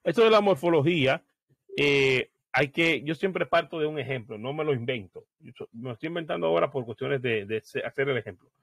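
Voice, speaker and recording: A man walks viewers through searching Bible software in a relaxed screen-share tutorial. He explains each step as he goes and often pauses on fillers while he thinks aloud. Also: mid-range voice, gravelly, husky, dry recording.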